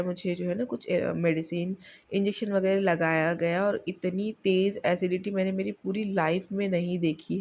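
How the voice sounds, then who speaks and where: A woman's voice: on the low side, mellow. A young woman from India narrating her personal vlog casually, chatty and full of fillers and Hinglish asides. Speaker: vlogger.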